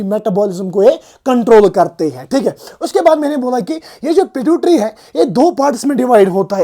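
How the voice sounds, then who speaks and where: A man lecturing in a very high voice, his throat sore. He drills each term by asking his students to repeat it and slips English terms into his Hindi. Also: warm tone. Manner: repeats terms and quizzes students, calling them "beta". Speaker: teacher. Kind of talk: recap and whiteboard lecture.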